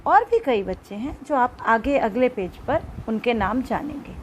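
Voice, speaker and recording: A woman's voice: a little high, expressive, a little slow, slight background noise, poor audio. A woman teacher reading a children's story aloud as a lesson and explaining it to young pupils.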